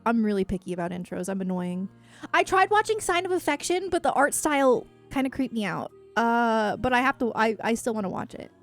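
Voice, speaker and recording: Faint music plays behind a woman whose slightly high, animated voice moves fairly quickly as she chats on a livestream. She responds to viewers in a rambling, effusive, self-deprecating way.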